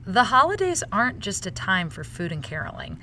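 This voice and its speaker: A woman co-hosting a news podcast, moving between scripted reads and casual chat with an expressive delivery. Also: medium pitch, fairly quick, a little hiss or hum. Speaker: podcast co-host.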